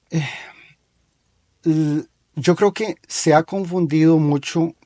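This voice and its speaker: A man's voice: mid-range voice, a little mellow, no room sound. A Costa Rican man hosting a talk show, speaking in a plain mid-range voice. He argues point by point in an opinionated, analytical way and often stops on fillers. The sound is close and dry, with no room around it. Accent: Costa Rican Spanish. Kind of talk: critical discussion.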